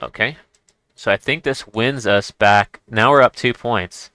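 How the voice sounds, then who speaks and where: Bright, crisp-voiced man thinking aloud over chess. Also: lowish voice, measured pace, no echo. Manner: thinks aloud, restarts sentences, occasional excited outbursts. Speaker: chess streamer. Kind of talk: casual chess commentary.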